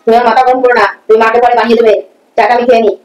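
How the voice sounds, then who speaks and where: A woman playing a scolding mother-in-law in a comedy skit, talking fast. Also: a little high, little pitch movement, reverberant, highs cut off, crowd noise.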